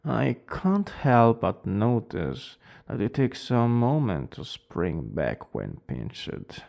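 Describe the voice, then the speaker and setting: A man playing a cold, formal plague doctor in a role-play, speaking with an Italian accent in a gravelly, deliberate, clinical manner. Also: medium pitch, big pitch swings, darkish tone, heavily acted. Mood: clinical, courteous. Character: cold, eerily polite male plague doctor.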